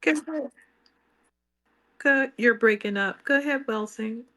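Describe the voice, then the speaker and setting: A woman on a video call, her voice sounding faint and far off through the connection. She speaks a little high and the sound is dry, with no room echo. As host of a group discussion, she calls on speakers and checks that they can hear her. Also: unhurried, sharp tone. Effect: voice heard over a video call, distant.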